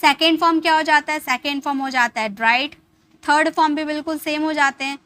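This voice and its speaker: A woman's voice: high voice, a little fast, bright, forceful tone. A woman teaching English vocabulary in a patient lesson, repeating points and asking rhetorical questions. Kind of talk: explanatory lesson.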